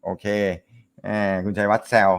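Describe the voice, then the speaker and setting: A man hosting a casual live stream, reading viewer comments, with a naturally loud voice and a joking, chatty manner. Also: moderate pace. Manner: joking, laughs often, chatty. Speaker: host of a snooker live show.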